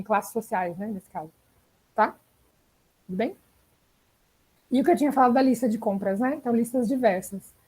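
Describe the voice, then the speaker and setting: A woman's voice: fairly high pitch, darkish tone, low-quality recording. A young woman with a Brazilian Portuguese accent teaching an online writing class in a chatty way, often checking in with the students. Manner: chatty, frequent "né?" and "tá?" check-ins.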